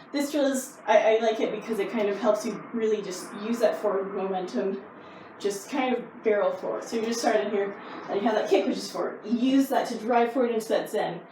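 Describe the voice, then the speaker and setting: A woman's voice: mid-range voice, a little mellow. A woman karate instructor explaining techniques in a casual, easygoing, informal way. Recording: roomy echo, distant mic, faint noise.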